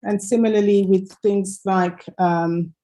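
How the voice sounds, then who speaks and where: Slow, hesitant woman teaching pronunciation. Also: medium pitch, fairly even intonation, dark tone. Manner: slow, hesitant, many fillers and restarts. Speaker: English teacher. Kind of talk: online pronunciation lesson.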